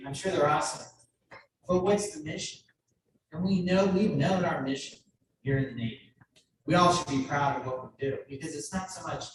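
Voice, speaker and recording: A man giving a personal tribute speech at his brother's retirement ceremony, joking and halting, with many restarts. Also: on the high side, a little hiss or hum. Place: large ceremony hall. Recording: echoey hall from far off.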